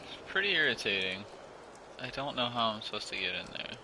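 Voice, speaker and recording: A man's voice: on the low side, very animated, a little fast, vocal fry, background noise. A man giving casual gameplay commentary, muttering to himself in a self-deprecating way. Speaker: gamer, let's-play host. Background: game music.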